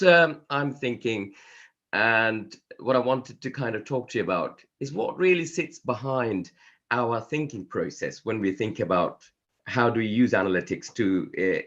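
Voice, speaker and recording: A man with a cold and a croaky voice, presenting a conference talk over a video call in a measured, hesitant way. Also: fairly low pitch, lively intonation, fairly bright tone. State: hoarse from a cold. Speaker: conference speaker. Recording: dull lo-fi video call audio.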